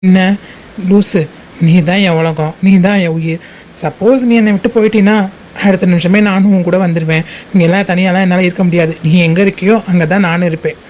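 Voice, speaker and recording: A woman's voice: fairly low pitch, fairly even intonation, fairly quick, darkish tone, dull audio, a little hiss or hum, lightly acted. A woman voicing a playful, devoted young man in a cartoon, teasing and affectionate. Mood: tender. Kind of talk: cartoon voice acting.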